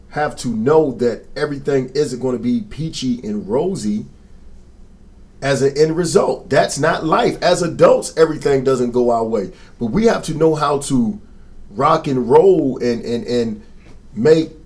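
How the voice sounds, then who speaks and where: A man's voice: medium pitch, darkish tone. A man, a coach and co-host, talking in a casual podcast chat, joking and then lecturing about life lessons.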